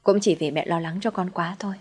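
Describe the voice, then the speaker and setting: A woman's voice: fairly low pitch, fairly even intonation, fairly quick, husky, soft background music. A woman narrator voicing a cruel, scheming older mother-in-law with harsh scolding and fake sweetness in a storybook reading. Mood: falsely tearful.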